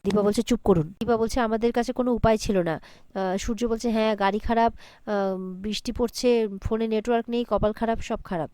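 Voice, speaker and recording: A woman's voice: a little high, fairly even intonation, a little fast, mellow, dry recording. A woman retelling a TV serial episode in a casual recap, relaying the characters' dialogue with small restarts.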